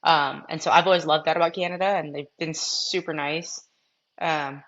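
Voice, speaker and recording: A woman's voice: deep voice, fairly even intonation, normal speed, fairly bright tone, lo-fi sound. A woman in her twenties from Massachusetts, a professional golfer telling stories as a podcast guest, chatty and full of "like" and "um". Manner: chatty, frequent fillers like "like" and "um". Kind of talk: casual storytelling interview.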